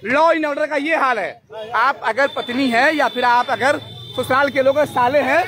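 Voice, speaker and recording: A man's voice: extremely high pitch, a little slow. A male field reporter, reporting live on a street and urgently confronting people on the spot. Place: busy street outside a court campus. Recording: noisy outdoor street recording with crowd. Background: crowd and traffic.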